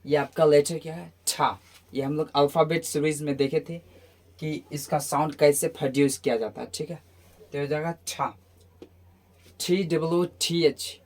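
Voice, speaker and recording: A man's voice: a little high, fairly even intonation, normal speed, a little mellow. A man teaching a phonetics lesson who asks questions and answers them himself, repeating each sound several times in drills. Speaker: English pronunciation teacher.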